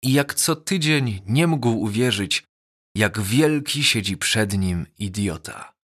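A man narrating a novel as an audiobook, measured and even. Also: fairly low pitch. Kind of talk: scripted narration.

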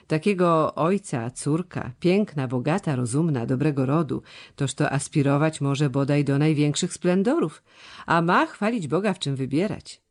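A man's voice: a little high, normal speed. A reader voicing a fatherly monk who chides the others in an audiobook. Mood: chiding. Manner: chiding.

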